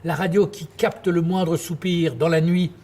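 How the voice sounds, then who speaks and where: A man's voice: a little high, steady tone, a little slow, a little mellow. A man acting a tender, grandiloquent late-night radio host in a theatrical, lyrical manner, easily flustered. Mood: tender, solemn. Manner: effusive, lyrical, repeating words when flustered. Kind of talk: theatrical stage monologue as radio sign-off.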